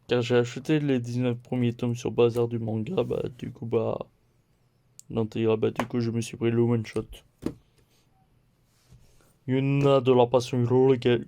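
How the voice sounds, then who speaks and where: Un homme qui présente ses achats de mangas de la semaine sur un ton décontracté, en énumérant les titres un par un et en riant de ses erreurs. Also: male voice, medium pitch, warm tone. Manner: slow, listing titles one by one; playful, laughs at own mistakes. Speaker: manga haul vlogger. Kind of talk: casual haul video chat.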